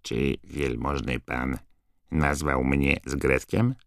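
A man voicing a timid, servile female house-elf in an audiobook, with a high, trembling squeak and constant deference. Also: fairly even intonation, drawn-out words, gravelly, no echo, studio quality, full character voice. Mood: timid, awed. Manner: servile, calls everyone sir. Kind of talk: audiobook character voice.

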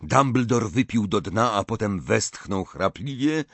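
Slow, expressive male audiobook narrator. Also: on the low side, husky, no room sound. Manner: measured, expressive reading.

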